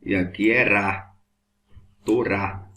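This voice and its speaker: A man's voice: fairly low pitch, unhurried, a bit bright. A man teaching a Hebrew class, patiently repeating each point and checking whether students follow. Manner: patient, repetitive, checks understanding often. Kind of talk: classroom lesson at a board.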